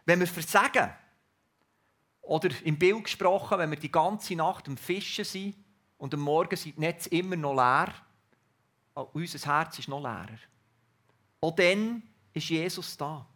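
A man preaching a sermon in an earnest, reflective way with pauses. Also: sits high, fairly bright tone.

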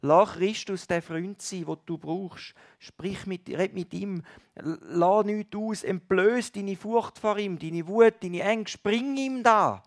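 A preacher gives a sermon in a somewhat high voice. He talks to his listeners in a conversational way, sometimes pushing a line out with force and then dropping to a near hush. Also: slow. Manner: emphatic, swings between loud stresses and hushed lines; speaks directly to listeners, conversational.

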